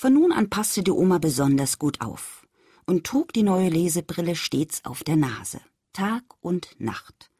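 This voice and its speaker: Woman, children's storyteller, gentle, speaks to the listener, very dry close sound, animated pitch. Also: moderate pace, breathy edge, dry recording. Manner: gentle, addresses the young listener directly.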